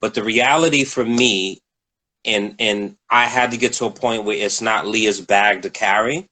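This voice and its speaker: A man's voice: lowish voice, fairly even intonation, a little slow, bright, forceful tone, low-quality recording. A man co-hosting a relationship podcast, talking candidly in a rambling way with frequent restarts. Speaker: podcast co-host. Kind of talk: casual podcast conversation.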